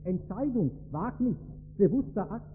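A man's voice: high voice, lively intonation, unhurried, breathy edge. A man preaching a sermon, telling stories with emphasis and rising to stress key words. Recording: tinny phone-like sound in a reverberant hall.

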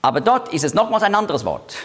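A man leading a Bible study, explaining verses slowly and deliberately, with frequent hesitations. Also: high-pitched, sing-song, fairly bright tone.

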